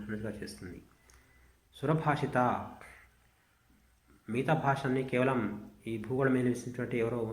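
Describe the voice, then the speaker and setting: A man's voice of middle pitch, heard in a roomy, echoing space. He teaches Sanskrit in a measured lecture. He recites each verse line slowly, then explains it at length.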